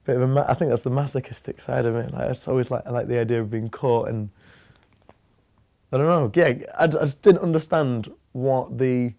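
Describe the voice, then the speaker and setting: A man's voice: mid-range voice, creaky, dark tone. A young man from northern England, rambling and hesitant as he recalls his childhood in an interview. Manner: rambling, hesitant, many fillers, bursts of quick talk. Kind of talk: reminiscing about childhood.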